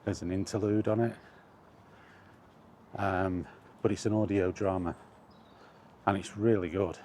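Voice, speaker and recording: During a casual outdoor walking vlog, a man rambles hesitantly and often corrects himself. His low voice is steady and a little mellow at a measured pace, with slight background noise.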